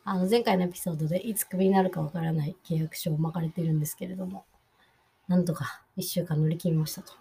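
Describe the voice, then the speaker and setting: A woman hosting a solo podcast, chatting casually with many fillers and explaining phrases, quoting English slowly. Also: fairly low pitch, fairly even intonation, gravelly, dark tone, slightly rough. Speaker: podcast host.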